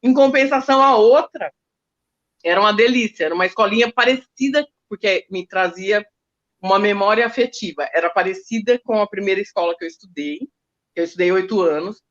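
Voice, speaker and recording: Animated woman teacher telling stories. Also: mid-range voice, fairly quick, dull audio. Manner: emotional, animated retelling with quoted speech. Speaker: teacher guest. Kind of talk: storytelling in a casual interview.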